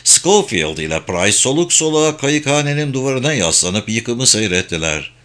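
A man narrating an audiobook in a steady, dramatic way. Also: medium pitch, moderate pace. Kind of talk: scripted narration.

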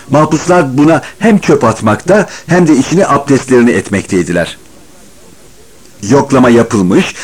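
A man narrating an audiobook with expressive, varied storytelling and a husky voice. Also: a little high.

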